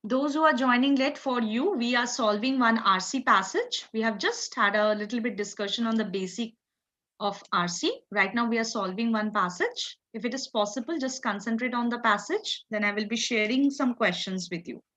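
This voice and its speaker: A woman's voice: on the high side, moderate pace, a bit bright. A woman with a North Indian accent teaching a live online class, encouraging students with short, repeated praise. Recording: slightly dull, lo-fi audio.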